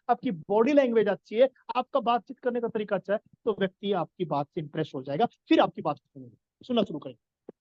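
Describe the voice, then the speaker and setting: A man's voice: high voice, darkish tone, dry recording, highs cut off. A man giving an earnest business coaching talk, explaining his points and repeating key phrases for emphasis. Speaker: business trainer.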